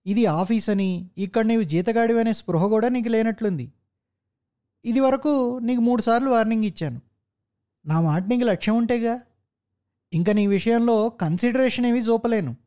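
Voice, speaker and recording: A narrator playing a stern, quick-tempered middle-aged male office manager who scolds and commands. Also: medium pitch, lively intonation, dark tone, natural voice. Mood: angry scolding.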